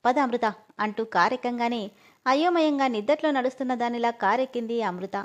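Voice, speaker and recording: A woman narrating a scripted story with a steady, expressive reading. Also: on the high side, fairly quick. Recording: dull lo-fi audio.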